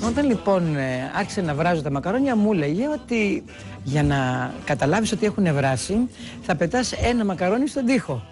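A woman telling a personal anecdote in a documentary interview, with a lively storytelling manner. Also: fairly low pitch, over music.

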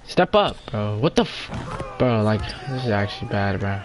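A man's voice: lowish voice, steady tone, normal speed. A young man in casual online game chat, talking like a slangy frat bro and giving bossy, exasperated callouts to his teammates. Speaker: online basketball gamer.

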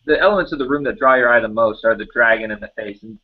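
A man's voice: mid-range voice, fast. A man co-hosting a casual puzzle podcast, talking in a loose, easygoing way with trailing phrases. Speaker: podcast co-host. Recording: dull lo-fi podcast audio.

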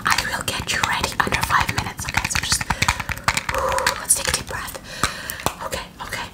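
A woman performs a whispered role-play in fast ASMR style, staying in an airy whisper. She plays a hurried personal helper, speaking to the listener up close in short phrases and often repeating small words in rapid little strings.

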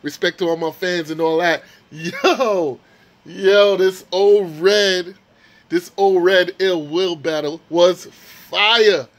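A man hosting his own channel, telling a story in casual slang, excited and swearing freely. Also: sits high, takes it slowly. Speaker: channel host recapping a rap battle. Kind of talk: casual vlog recap.

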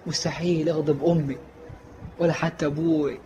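A man's voice: fairly high pitch, level tone, fairly quick, warm tone, a little hiss or hum, lightly acted. A man playing a grown son who has been thrown out by his family, speaking in a hurt, pleading way. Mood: refusing.

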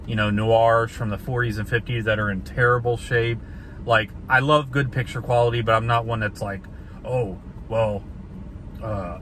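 A man's voice: mid-range voice, rough recording. A man in his thirties chatting casually in a film vlog, recorded inside a car on a dashboard phone. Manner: chatty and conversational, gesturing with his hands. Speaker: film vlogger. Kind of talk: casual talking-head vlog. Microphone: phone camera on the dashboard. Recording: loud car and street noise behind.

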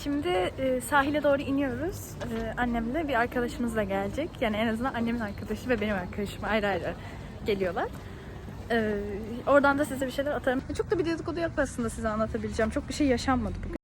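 High-voiced young woman chatting to her vlog. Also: quick pace. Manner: chatty, teasing. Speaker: vlogger. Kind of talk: casual vlog chat. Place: out and about in town, outdoors and public places. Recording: busy street noise with music behind.

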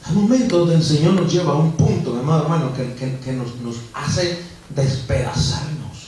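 A high-pitched male pastor preaches a sermon and keeps speaking straight to his congregation in repeated phrases. His voice rings through a very echoey church and was picked up from well away from the mic. Faint noise sits underneath. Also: moderate pace, darkish tone. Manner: preachy, repetitive, addresses the congregation directly. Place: church sanctuary. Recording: echoey church recorded from a distance.

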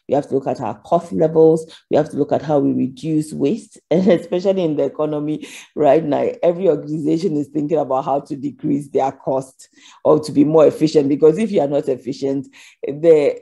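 A woman's voice: low voice, gravelly, warm tone. A woman giving a conference keynote over slides, earnest, with frequent ums as she asks for the next slide. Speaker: keynote speaker.

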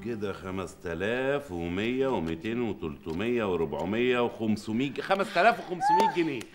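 A man's voice: fairly low pitch, huge pitch swings, fast talker, loud music behind the voice. An Egyptian man playing a harried middle-aged husband who runs a shop, talking in a jokey, flustered way. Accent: Egyptian Arabic. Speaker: shop owner in a sitcom. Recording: sitcom audio with studio audience laughter. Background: audience laughter.

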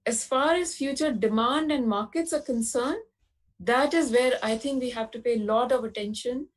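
A woman giving a webinar presentation over a video call, explaining in a measured way with frequent pauses and fillers. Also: a little high, low-quality recording. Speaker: panelist presenting slides.

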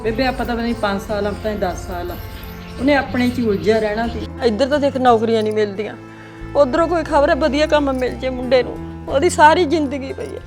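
A woman's voice: fairly high pitch, fast talker, over music, lightly acted. A woman with a Punjabi accent playing a daughter-in-law who consoles the grandmother. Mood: consoling.

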